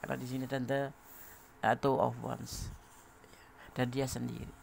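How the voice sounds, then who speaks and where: A man's voice: mid-range voice, little pitch movement, moderate pace, vocal fry, darkish tone, slight background noise. A man giving a casual tarot reading, chatty and laughing often as he talks straight to the listener. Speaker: tarot reader.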